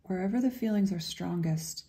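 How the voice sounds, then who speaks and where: This guided meditation comes from a woman with a low, very soft voice, dark and at ease. Each gentle, unhurried phrase is followed by a long, calming pause.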